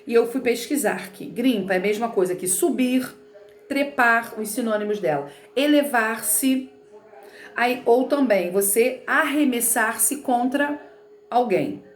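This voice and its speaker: A woman teacher from Rio de Janeiro talks through a textbook lesson with a Carioca accent. Her voice sits a bit high, and she keeps checking in with her students as she explains. The room around her is echoey. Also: a little slow. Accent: Carioca Portuguese. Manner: chatty, explanatory, frequent "né" and "tá bom". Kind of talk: remote lesson reading from a textbook.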